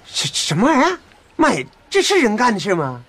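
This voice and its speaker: A man's voice: high voice, wildly swooping pitch, brisk, fairly bright tone, exaggerated voice. An actor playing an agitated, indignant village man with a Northeastern Mandarin accent who stammers as he protests. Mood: outraged.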